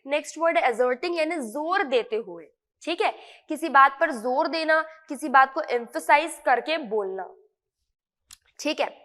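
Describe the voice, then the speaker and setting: A woman's voice: sits high, expressive, measured pace, fairly bright tone, long reverb tail. A woman with an Indian accent teaching English vocabulary in an online lesson, repeating words and checking in with her students often.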